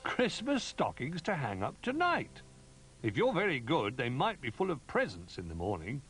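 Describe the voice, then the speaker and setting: A man's voice: mid-range voice, huge pitch swings, normal speed, faint music behind, pitched above the performer's own voice. A man doing a kindly old teddy bear. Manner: gentle, encouraging.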